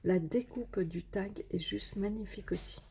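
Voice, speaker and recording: A woman's voice: mid-range voice, moderate pace, mellow, slight background noise. A woman vlogger chatting casually while unboxing craft mail, hesitant with many fillers and full of enthusiastic praise.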